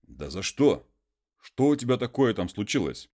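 A man playing a firm, patient gentleman. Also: medium pitch, big pitch swings, moderate pace, pitched above the performer's own voice.

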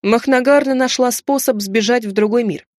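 Calm formal inquisitor guy, read by a woman, measured and a bit sad, dry close sound. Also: a little high, no echo, natural voice. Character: calm, melancholy male inquisitor overseeing the shadow world.

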